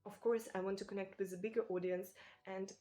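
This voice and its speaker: A woman from Ukraine with a Ukrainian accent, a native Ukrainian speaker, talking casually to camera as a booktuber in a thoughtful, halting way. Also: medium pitch, little pitch movement, faint music behind. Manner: thoughtful, halting, with small restarts and soft laughs. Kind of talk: casual vlog talk to camera.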